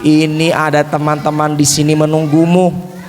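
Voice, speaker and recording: A man leading a children's puppet show, gently coaxing and questioning the young audience as he teaches. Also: on the high side, completely flat delivery, moderate pace. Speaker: children's religious storyteller. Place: mosque hall. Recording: reverberant mosque hall.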